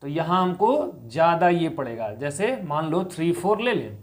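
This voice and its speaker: A man's voice: a little high, very animated, moderate pace. Male chemistry tutor, drills students with repeated questions. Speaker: chemistry teacher. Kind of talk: explaining on a whiteboard.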